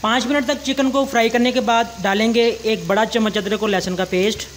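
A man's voice: sits high, steady tone, brisk, background noise. A young man hosting a cooking channel, explaining a recipe step by step in a polite, formal way with religious greetings.

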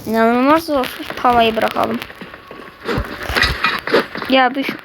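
A woman doing live gameplay commentary, excitable and quick to fly into frustrated outbursts at her opponents. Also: fairly high pitch, vocal fry, very noisy. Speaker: gamer.

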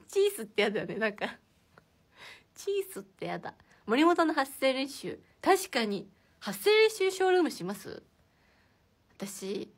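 A young woman hosting a casual livestream from indoors, chatting and giggling as she reacts to viewer comments. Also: medium pitch. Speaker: idol livestream host.

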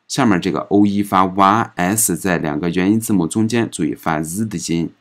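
A man teaching a recorded pronunciation lesson, patiently explaining and saying each example word several times in a drawn-out way. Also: low voice. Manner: patient explaining, ends phrases with soft particles. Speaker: French language teacher.

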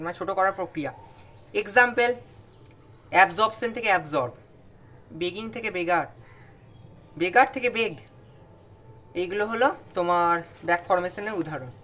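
Bright-voiced young Bengali tutor. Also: male voice, high voice. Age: young adult. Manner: explains terms then asks students "understand?". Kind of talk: exam revision lesson.

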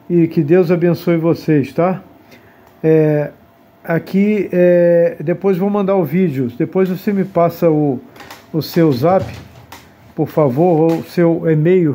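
A Brazilian amateur radio operator makes casual contact on air, friendly and courteous, repeating his sign-offs. His voice is on the high side with a warm tone.

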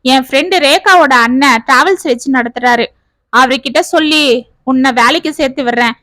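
A woman's voice: high voice, moderate pace, dry recording. A woman voicing Sumathi, a bold teasing village girl. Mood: scolding. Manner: sharp, scolding, mocking. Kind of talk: storybook reading.

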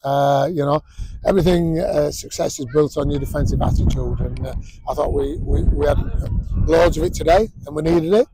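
A man's voice: on the high side, normal speed, creaky, dark tone, slight background noise, poor audio. A man, a rugby coach giving a blunt post-match interview outdoors, full of fillers and restarts. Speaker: rugby league head coach. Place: outdoors at a sports ground.

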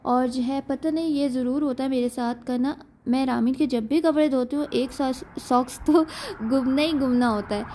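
A young woman's warm, high-sitting voice stays steady at a moderate pace, with a little hiss or hum in the audio. She's a lifestyle vlogger narrating her day in a casual, chatty voice-over, using lots of "aur jo hai" fillers.

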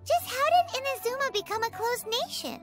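Paimon, a squeaky tiny companion. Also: female voice, animated, fairly quick, over music. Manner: talks about herself in third person, teasing. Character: tiny chatty floating female companion, bossy. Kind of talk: video game voice acting.

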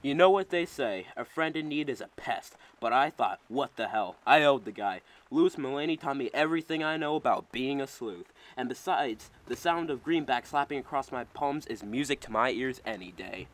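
A man's voice: mid-range voice, animated, normal speed, few pauses, close to an everyday voice. A man playing a wry, world-weary hard-boiled private detective who narrates his own case in a noir radio drama. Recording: music behind.

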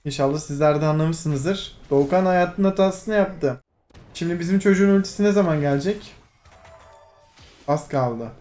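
A young man giving lively, excitable commentary over his own gameplay, teasing teammates, laughing and shouting now and then. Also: fairly high pitch, normal speed, soft background music. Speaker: gaming streamer.

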